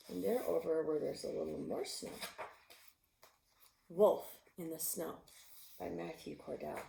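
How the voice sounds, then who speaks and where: A woman reading a picture book aloud, expressive, sometimes dropping to a whisper. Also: mid-range voice, vocal fry. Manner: expressive, with gasps and animal sounds; drops to a whisper at tense moments. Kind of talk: storybook read-aloud. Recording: roomy echo.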